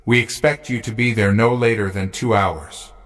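A man's voice: fairly low pitch, fairly even intonation, normal speed, a bit bright, close to an everyday voice. A man voicing a male villain's servant speaking on the phone, cool and formally courteous.

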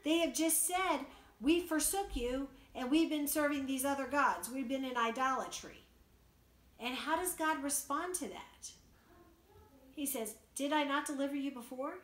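A woman's voice: high-pitched, animated, measured pace, a bit bright, echoey room. A woman teaching a Bible study in a conversational way, asking her listeners questions and acting out the quotes she reads.

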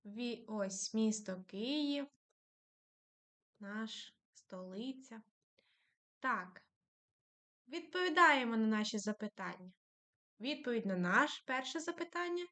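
Teacher, woman, high-ish voice, slow and patient, dictates to small kids. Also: animated, sharp tone. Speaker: primary school teacher. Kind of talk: online lesson for young children.

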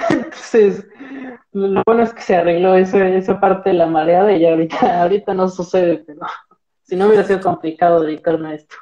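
A young man with a Mexican Spanish accent, a marine biologist guest chatting in a relaxed, rambling way with many fillers over a video call from a small room. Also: high-pitched, moderate pace, long pauses, dull audio. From central Mexico. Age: young adult. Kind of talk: casual video-call interview chat. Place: small indoor room with plain wall. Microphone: laptop video call.

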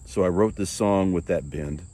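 A man's voice: low voice, normal speed, warm tone. A man giving an earnest, reflective sermon-style talk as preacher and songwriter, often repeating words as he goes. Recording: music bed playing behind the voice.

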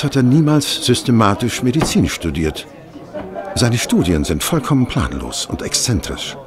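An actor playing Stamford, an affable, chatty former hospital assistant doctor, in a radio play. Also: male voice, mid-range voice. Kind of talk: German radio play acting. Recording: restaurant crowd murmur behind. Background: restaurant chatter.

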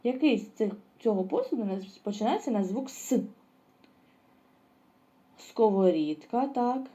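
A woman's voice: a little high, expressive, a little slow, warm tone, lo-fi sound. A woman teaching a lesson to young children, asking questions and answering them herself with praise. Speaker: preschool teacher.

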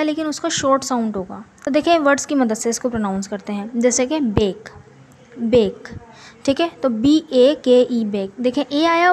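A woman with Urdu as her first language teaching an English pronunciation lesson, explaining step by step and repeating example words slowly. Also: high-pitched.

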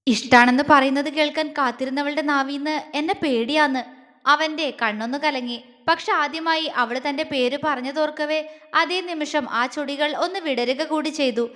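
A woman storyteller narrates a romance with a steady, expressive reading. Her voice sits high. A long, hall-like reverb follows her words. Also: moderate pace.

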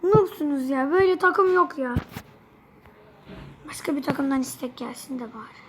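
A woman's voice: sits high, normal speed, a little hiss or hum. A young woman with a Turkish accent commentating her mobile football game for her channel, chatty and easily frustrated, talking to her viewers throughout. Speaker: gaming channel host.

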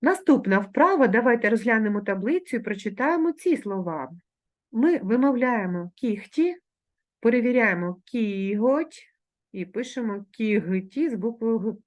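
A woman with a Ukrainian accent, a primary school teacher giving a recorded online lesson, dictating words slowly and clearly. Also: fairly high pitch, animated, highs cut off. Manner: slow, carefully articulated dictation of words.

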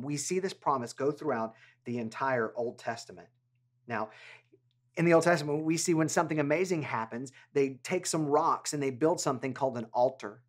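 Animated man teaching a children's Bible lesson. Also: on the high side. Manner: animated and playful, acts out the story.

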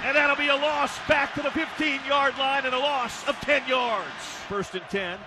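A man calling a college football game play-by-play, with clipped calls that build into shouted touchdown calls. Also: extremely high pitch, fairly even intonation, normal speed. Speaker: play-by-play announcer. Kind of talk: radio play-by-play commentary. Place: football stadium broadcast booth. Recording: loud stadium crowd and noise behind.

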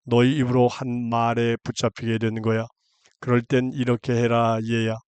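A man calmly reading scripture aloud in an even, unhurried way, in a plain everyday speech register. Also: medium pitch, smooth, no echo. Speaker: Bible reader.

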